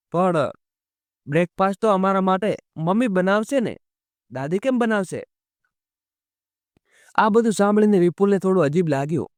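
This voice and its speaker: A man's voice: high voice, no room sound, clean studio sound. A man narrating an emotional family story, reading every character's lines in his own storytelling voice. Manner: reads all the characters' lines in the same narrating voice. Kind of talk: scripted narration of a family drama.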